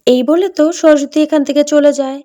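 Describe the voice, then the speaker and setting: A woman's voice: high voice, fairly quick. A woman narrating a children's doll story and speaking straight to the young listeners. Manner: lively storytelling, addresses children directly. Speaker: storyteller voicing doll characters.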